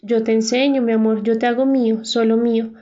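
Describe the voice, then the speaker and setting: A woman's voice: fairly high pitch, flat delivery, fairly quick, warm tone, lightly acted. Elvira, a jealous passionate prisoner, read by a woman. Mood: seductive. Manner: pleading, insistent. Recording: dull lo-fi recording.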